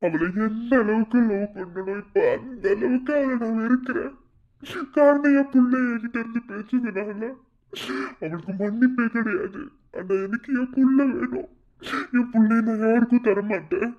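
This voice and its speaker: In animated cartoon voice acting, a performer plays a heartbroken father who is tearful, pleading, weeping and bitter, with light acting. The voice is medium-pitched at normal speed, narrow, with tinny audio.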